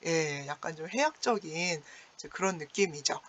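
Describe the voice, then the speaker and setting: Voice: mid-range voice, lively intonation, normal speed, a bit bright. A teacher explaining classical poetry in a talkative, hands-on way, with a voice of middling height. Fillers and little chuckles run through the talk, and the lines of a poem get half-performed with sighs. A faint hiss sits under the recording. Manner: chatty, explanatory, frequent "yes" and "like" fillers.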